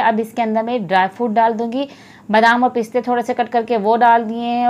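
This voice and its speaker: A woman's voice: a little high, a little mellow. A woman hosting a cooking channel, narrating a step-by-step recipe in a chatty, explanatory voice-over that speaks straight to viewers.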